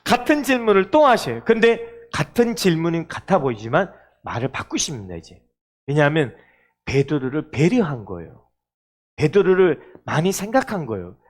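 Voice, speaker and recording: A man's voice: fairly high pitch, very animated, moderate pace. A male pastor preaching a sermon, acting out the quoted dialogue as he goes.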